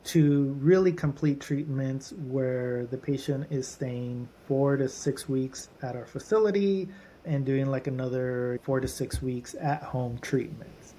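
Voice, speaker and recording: A man's voice: mid-range voice, unhurried, warm tone, a little hiss or hum. A man who is a doctor at a holistic clinic, a guest on a podcast, explaining treatments in runs of lists with frequent restarts.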